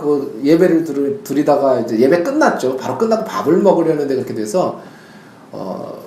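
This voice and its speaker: A male pastor preaching a sermon, telling stories in an animated way and now and then crying out loud. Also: on the high side, roomy sound, a little hiss or hum. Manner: animated storytelling, bursts into loud acted cries.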